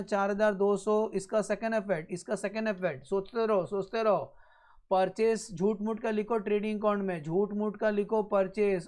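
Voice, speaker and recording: A man teaching an accounting class, repeating each point slowly and often checking that students follow, with blunt joking asides. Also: high-pitched, a little mellow. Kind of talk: classroom lecture.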